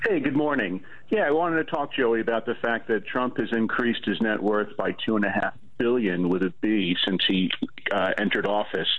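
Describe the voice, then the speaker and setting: A man's voice: fairly low pitch, moderate pace. A man calling in to a radio talk show, arguing insistently with the host and talking over him. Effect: phone-line caller on a radio show. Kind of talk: combative call-in argument. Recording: tinny phone line.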